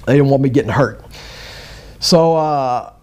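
A middle-aged man telling a personal story in a casual, animated way, acting out both sides of conversations. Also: medium pitch, a little slow. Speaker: vlogger.

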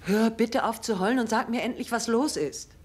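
An actress playing a brisk, wry middle-aged mother in a dubbed TV drama. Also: on the high side, darkish tone, breathy edge. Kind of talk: TV drama dub.

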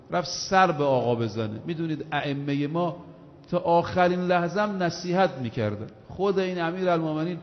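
A man preaching a sermon in a large shrine hall, emphatic, repeating his points in lists. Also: fairly high pitch. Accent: Iranian Persian. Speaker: cleric preacher. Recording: dull lo-fi sound with long hall reverb.

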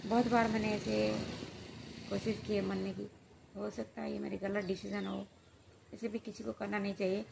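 A woman vlogger telling a personal story in a halting, hesitant way, full of pauses and fillers. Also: medium pitch, flat delivery, creaky, background noise.

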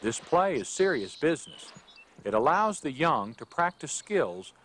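A man's voice: on the high side, sing-song, a little slow, fairly bright tone, a little hiss or hum. A middle-aged man reading scripted nature documentary narration as the program's host.

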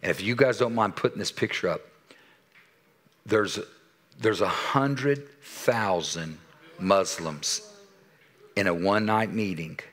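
A man in his sixties preaching a sermon in a church, telling a story with animated quoted dialogue and dropping to a soft voice for serious points. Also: lowish voice, takes it slowly, long pauses. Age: 60s. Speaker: pastor. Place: church sanctuary.

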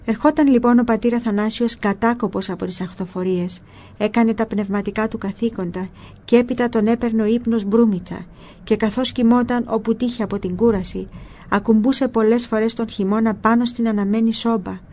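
A woman narrating a spiritual book in a calm, measured storytelling voice. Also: fairly high pitch.

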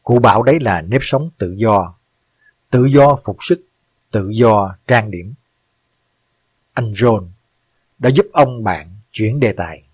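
A man reading a story aloud as narrator, in a measured, even way. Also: on the low side, breathy edge, no room sound.

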